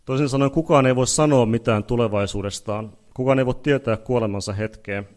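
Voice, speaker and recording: A man preaching an evangelistic sermon, pleading earnestly with listeners, repeating phrases and building to loud peaks before leading a prayer. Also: mid-range voice. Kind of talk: leads a spoken prayer.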